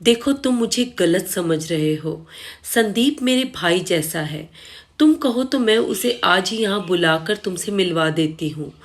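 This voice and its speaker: A woman reading the part of a gentle, loving young wife who speaks softly and pleads. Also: lowish voice, animated, unhurried. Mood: pleading.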